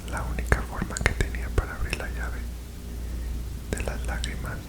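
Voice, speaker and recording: A woman reads narrative prose entirely in a whisper. Her delivery is hushed, breathy and unvoiced, kept slow and soothing in the manner of an ASMR bedtime reading. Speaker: ASMR reader.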